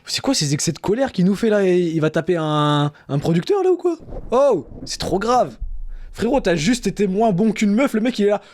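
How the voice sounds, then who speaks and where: A man's voice: high voice, expressive, normal speed, darkish tone. A man commenting casually and jokingly as he reacts to a show, full of slang and laughter. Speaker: reaction streamer.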